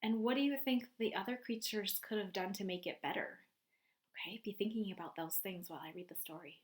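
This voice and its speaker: A female teacher shares a picture book with young children, reading expressively and pausing often to quiz her audience. Her pitch is medium and her pace fairly quick.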